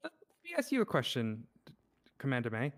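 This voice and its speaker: A woman speaking through a voice changer that shifts her voice down to a deep pitch, answering questions in character with a cool, evasive, slightly taunting manner. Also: huge pitch swings, brisk. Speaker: suspect being questioned in roleplay. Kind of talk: in-character roleplay dialogue.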